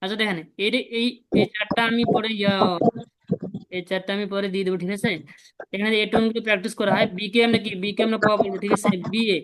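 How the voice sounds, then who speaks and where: A woman's voice: medium pitch, flat delivery, fast talker, dry recording, poor audio. A woman teaching a beginner language class, patiently repeating sounds and drilling her students.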